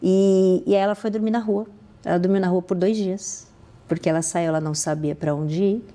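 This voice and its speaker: Fairly quick and mellow, with a lowish pitch and fairly even intonation, this woman tells earnest stories as a podcast guest. She has a Brazilian Portuguese accent, founded a social fashion project, and frequently restarts with sudden jumps in emphasis.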